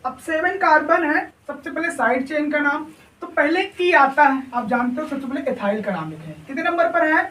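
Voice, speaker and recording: A man's voice: very high voice, expressive, normal speed, bright, forceful tone. A male chemistry teacher giving a classroom lecture. He keeps asking his students questions and answering them himself, often checking that the class is following. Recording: echoey room, voice far from mic.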